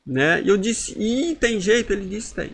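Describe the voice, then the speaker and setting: A man's voice: sits high, animated, moderate pace. A man in his forties giving an emotional personal testimony as a podcast guest, acting out inner dialogues with intensity. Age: 40s.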